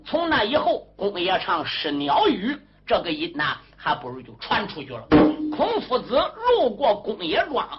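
A woman telling a traditional folk story, alternating animated spoken narration with rhythmic singing that draws out long phrases. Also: medium pitch, normal speed, hardly any pauses, loud music behind the voice. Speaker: storyteller and singer. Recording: dull lo-fi recording with loud drum and string accompaniment.

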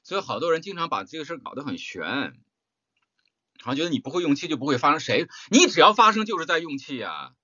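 Male voice-acting teacher lecturing a workshop: blunt, emphatic, rhetorical, swinging pitch, dry dull lo-fi sound. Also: big pitch swings, fast, bright, forceful tone, no echo.

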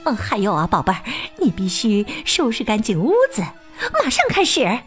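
A woman voicing a clever young male sheep in a children's storybook, putting on a low, motherly voice to bargain. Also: sing-song, normal speed, faint music behind, close to an everyday voice. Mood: mock-motherly. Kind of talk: storybook read-aloud.

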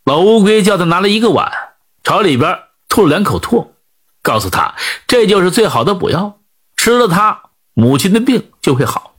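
High, husky guy telling an old folk tale, voice swooping all over. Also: moderate pace. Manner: animated, conversational storytelling with filler particles. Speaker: storyteller.

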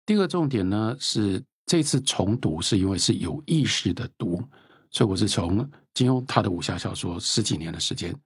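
A man in his fifties with a deeply husky, breathy voice that swings widely in pitch as he lectures earnestly. He sits at the lower end of the male range and sounds close and dry. He talks as the guest author in a reflective interview. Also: expressive, moderate pace, no echo. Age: 50s.

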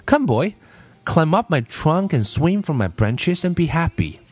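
A loving female apple tree from a storybook, as a male reader plays her, speaks with gentle, apologetic generosity. The pitch swings expressively as she offers all she has. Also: very animated, measured pace. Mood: welcoming. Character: loving, self-giving female apple tree, growing old and weary. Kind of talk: storybook character voice.

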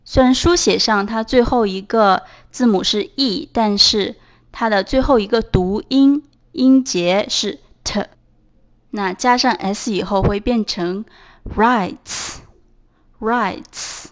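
A woman teaching a beginners' English lesson, explaining clearly and spelling words out letter by letter. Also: medium pitch, a little slow. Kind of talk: scripted lesson narration.

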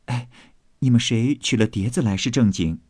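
A man reading aloud voices a composed, practical senior maid who gives steady instructions and scolds gently, in a storybook reading. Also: medium pitch, normal speed, husky, no room sound, studio quality, close to an everyday voice. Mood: calm instruction.

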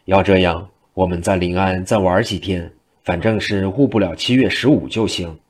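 A storyteller voices an eager young hero addressing his master with polite respect. The voice is very low and steady, told in traditional storytelling fashion. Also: moderate pace, husky.

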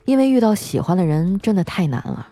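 A woman radio host telling comic stories about her family, chatty, with drawn-out particles and frequent laughs. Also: fairly low pitch, big pitch swings, warm tone. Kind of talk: comic storytelling monologue. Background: faint background music.

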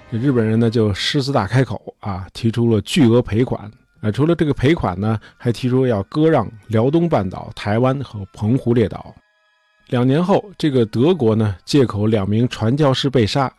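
Male history host, mid pitch, slightly husky, relaxed storytelling with frequent fillers. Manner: chatty, many fillers like "呃" and "哎".

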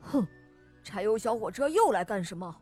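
A woman's voice: mid-range voice, expressive, normal speed, darkish tone, breathy edge, faint music behind, pitched below the performer's own voice. A woman voicing a haughty, proud big steam engine in a children's story, huffing with scorn. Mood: scornful.

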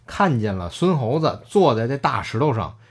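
A man's voice: mid-range voice, sing-song, normal speed. A man casually retelling a classic story, acting out the characters' lines and laughing often.

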